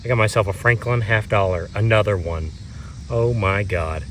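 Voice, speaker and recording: A man's voice: lowish voice, normal speed, fairly bright tone. Treasure hunter man vlogging amid outdoor noise. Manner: marveling exclamations, addressing viewers directly. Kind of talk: treasure hunter's excited, casual find-by-find vlog narration. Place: outdoors in grassy and wooded areas. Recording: noisy outdoors with insects and vehicles.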